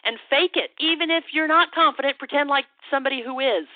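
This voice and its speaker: A woman's voice: sits high, fairly quick, dry recording. Confident woman on a tinny phone line. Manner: confident, animated, acts out sales lines. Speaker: sales trainer guest. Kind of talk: phone interview.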